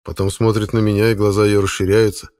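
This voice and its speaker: A man narrates a first-person audiobook in a steady, matter-of-fact way. His voice sits on the low side, even and unhurried, carrying the scene plainly.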